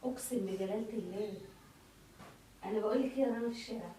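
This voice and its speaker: Fast-talking Egyptian mom, teasing. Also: female voice, medium pitch, warm tone. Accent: Egyptian Arabic. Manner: teasing, coaxing, laughing. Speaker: mother and vlogger. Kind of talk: casual family chat. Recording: echoey room, mic far off, faint noise.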